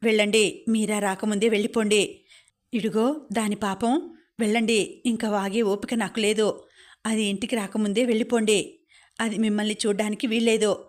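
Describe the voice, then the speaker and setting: A woman narrator voicing a grieving, distraught middle-aged mother who speaks harshly through tears, in a steady, flat delivery. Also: mid-range voice, moderate pace, lightly acted. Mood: frantic, tearful. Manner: tearful, harsh and pleading.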